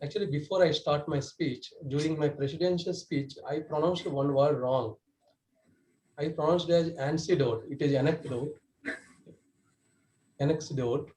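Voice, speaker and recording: A man's voice: fairly high pitch, a little mellow, reverberant, slight background noise, rough recording. A man giving a prepared club speech over a video call, earnest and correcting himself as he goes. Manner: earnest, with restarts and self-corrections. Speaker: club speaker.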